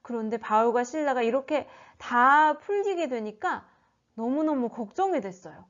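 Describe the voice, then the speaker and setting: A woman teaching a children's sermon, telling a Bible story in an animated way and asking the children questions. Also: high-pitched, moderate pace. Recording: dull lo-fi recording.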